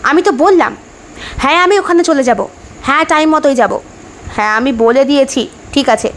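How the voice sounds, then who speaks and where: A woman voicing a lively, quick-witted young wife in an audio story. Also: high voice, slight background noise.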